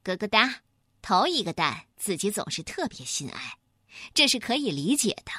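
Lady reading as a level-headed hen, calm and kind of lively. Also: a little high, moderate pace, dry recording, studio quality. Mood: soothing. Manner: calm, reasoning. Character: calm sensible short-tailed hen.

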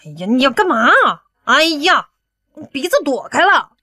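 A woman's voice: fairly high pitch, very animated, a little fast, dry recording, clean studio sound. A woman voicing a feisty, easily irritated young woman in an audiobook. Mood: annoyed. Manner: exasperated, snappy. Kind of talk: audiobook character voice.

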